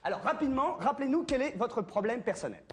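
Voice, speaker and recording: An actor playing a fussy, excitable male therapy group leader, talking in a shrill, sing-song, scolding way. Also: quick pace. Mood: chirpy. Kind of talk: sketch comedy acting. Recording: audience laughter and background noise.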